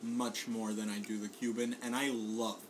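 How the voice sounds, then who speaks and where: A man's voice: on the low side, level tone, normal speed, low-quality recording. Puerto rican guy, casual food chat, swears a lot, lots of ums, faint room hum. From Puerto Rico. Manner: swears often, chatty with fillers and laughs. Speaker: guest bringing food.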